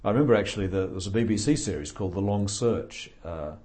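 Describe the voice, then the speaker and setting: Older guy being interviewed, really deep low voice, dry jokes, lots of uhs and ums. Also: fast talker, dark tone. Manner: thoughtful, dry humor, many fillers. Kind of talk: reflective interview talk.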